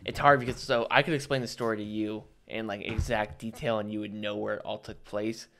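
A man with a low, gravelly voice tells a story in a relaxed, rambling way. He fills his sentences with "like" while chatting with his co-host. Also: fairly quick. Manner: laid-back, full of "like" fillers. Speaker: podcast co-host. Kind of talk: casual chat, telling an anecdote.

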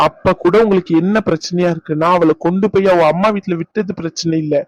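A man's voice: high-pitched, steady tone, fast, dry recording, rough recording. A man voicing an irritated grown son, a young doctor, talking back to his father. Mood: defiant. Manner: defiant, exasperated. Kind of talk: cartoon dub acting.

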